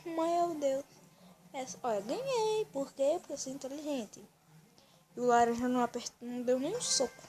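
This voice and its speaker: A woman with a Brazilian accent giving excitable, running commentary on a game she is playing for a video, often telling the viewer to look. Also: sits high, moderate pace. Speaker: gaming video host. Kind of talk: let's-play gameplay commentary. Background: faint game music.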